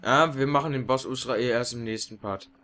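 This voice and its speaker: A man's voice: mid-range voice, normal speed, fairly bright tone. A man casually commenting on co-op gameplay in colloquial, slangy talk. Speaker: let's player. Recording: game battle noise behind.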